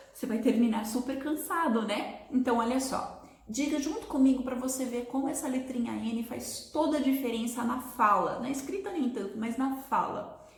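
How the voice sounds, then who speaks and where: A woman teaching a beginners' English lesson, explaining patiently and drawing out her example words slowly. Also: a little high. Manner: checks in with listeners often. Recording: echoey room.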